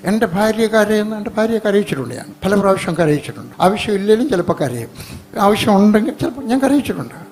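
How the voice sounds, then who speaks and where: Older male preacher, high-pitched, delivering an emphatic sermon full of repetition and loud bursts. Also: very animated, fast, slight background noise.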